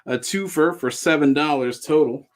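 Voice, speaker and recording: Guy hosting a live comic sale, slightly high voice, chatty upbeat pitch patter. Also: normal speed. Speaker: host selling comics on a live stream. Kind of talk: live sales chat.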